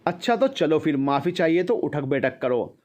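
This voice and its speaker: A man's voice: on the high side, sing-song, normal speed, a little mellow. A man voicing a young wife who scolds and teases her husband. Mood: scolding. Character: young wife, sharp-tongued and teasing.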